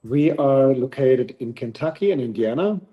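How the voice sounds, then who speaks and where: A man from Germany who runs a dog training facility speaks with a German accent in a casual interview. His mid-range voice is animated, though he talks thoughtfully with many pauses, and the recording's highs are cut off.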